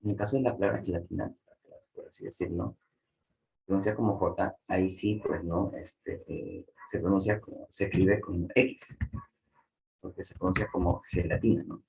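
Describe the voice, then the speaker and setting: A man with a Peruvian Spanish accent gives a relaxed online language lesson. His voice sits very low with a gravelly fry, and he keeps checking in with students. The recording sounds muffled and lo-fi. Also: normal speed. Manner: explains with frequent checks like "¿no?" and fillers "este". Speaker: language teacher. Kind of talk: online class lecture.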